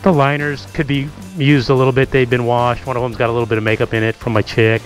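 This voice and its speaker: A man in middle age giving a casual, relaxed tour of his home garage, talking through a helmet-mounted camera mic with lots of ums and asides. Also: medium pitch, fast talker, soft background music. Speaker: motovlogger.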